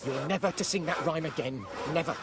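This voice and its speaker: Stern village mother, sharp scolding tone, noisy game track. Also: sits low, a little fast. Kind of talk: video game dialogue.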